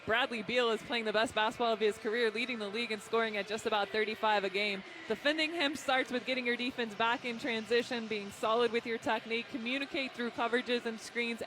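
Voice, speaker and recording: A woman giving basketball analysis on a pre-game radio show as the team's analyst. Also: fairly high pitch. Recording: clear background noise and ambience.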